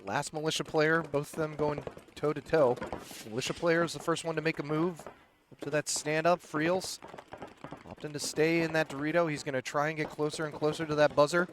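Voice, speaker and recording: A man giving brisk play-by-play commentary at an outdoor paintball event, with easy laughs between calls. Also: fairly high pitch, fairly even intonation. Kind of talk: live sports commentary. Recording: outdoor mic with loud ambient noise.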